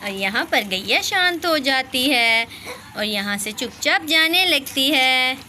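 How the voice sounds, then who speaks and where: A woman narrating a children's doll story, lively and exclaiming, talking to the children. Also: sits high, takes it slowly, slight background noise.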